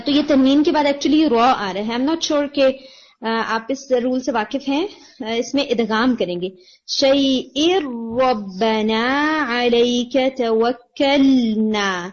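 This is a woman with a fairly high voice, teaching Quran recitation to a student over a video call. She explains each correction patiently, slowing right down to model the words. The call audio is dull and lo-fi. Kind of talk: online tajweed lesson, giving feedback.

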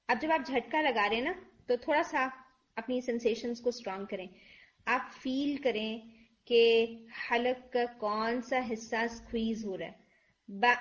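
Through a muffled recording, a woman's slightly high voice explains tajweed patiently in Urdu sprinkled with English. It's an online lesson, and she sounds out the letters herself as examples.

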